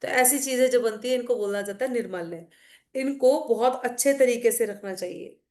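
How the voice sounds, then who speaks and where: A woman's voice: on the high side, moderate pace, darkish tone. Woman teaching in an echoey room. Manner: conversational, explaining with anecdotes and asides. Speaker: teacher of a devotional class. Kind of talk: casual Hindi class talk mixing English.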